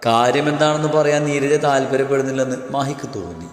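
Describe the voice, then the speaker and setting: Man narrating a story in a reverberant room. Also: medium pitch. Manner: steady, measured story reading. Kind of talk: scripted narration. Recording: roomy long reverb, faint music.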